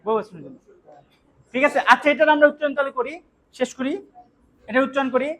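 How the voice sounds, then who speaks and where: A man teaching how to pronounce scripture verses, explaining patiently and chanting lines slowly as examples, often checking that his listeners follow. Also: extremely high pitch, bright, forceful tone, low-quality recording. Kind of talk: devotional recitation lesson.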